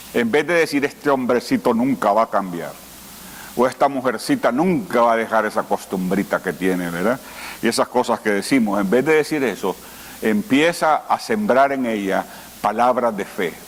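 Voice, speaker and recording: A male pastor delivering a sermon in a voice of middling pitch. He lingers on important phrases and then jumps sharply higher when he asks the listeners something. A long reverb trails after his words. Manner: preaching with sudden rises in pitch and slow drawn-out emphasis.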